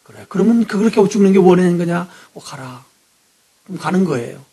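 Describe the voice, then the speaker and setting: A male pastor delivers an animated sermon in a high, somewhat husky voice. He keeps tossing questions to his congregation. His delivery swings between loud emphasis and quiet, hushed asides. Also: fast talker. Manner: asks the congregation frequent rhetorical questions.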